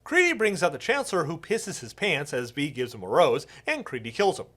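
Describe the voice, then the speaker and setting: A man's voice: on the high side, very animated, a little fast, fairly bright tone. A man co-hosting a comedy show, recapping a plot in a mock-earnest, sarcastic way. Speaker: co-host pitching a mock script.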